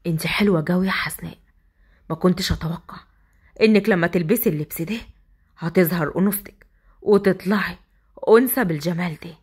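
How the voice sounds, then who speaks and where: A woman voicing a drunk, domineering young husband, speaking in a low, slow murmur. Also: breathy edge. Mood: admiring.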